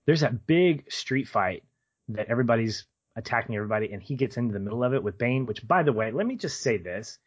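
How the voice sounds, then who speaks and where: A man's voice: mid-range voice, lively intonation, quick pace, husky, highs cut off. A man co-hosting a podcast in conversational film discussion, reflective and given to rhetorical questions. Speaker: podcast co-host.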